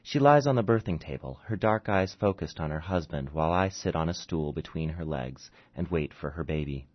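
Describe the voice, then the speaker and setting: A very deep-voiced man reads his own short story aloud, steady in the prose and halting with fillers when he chats. The recording is dull and lo-fi.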